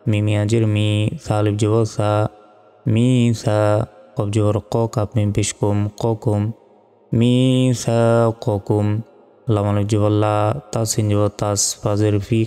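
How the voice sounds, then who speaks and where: A man with a Bangladeshi Bengali accent teaching Quran reading, spelling out each letter slowly and methodically. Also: fairly low pitch, completely flat delivery, dark tone, clear, resonant tone. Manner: slow, methodical letter-by-letter spelling with drawn-out recitation. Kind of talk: spelling-out recitation lesson. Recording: long reverb with faint music.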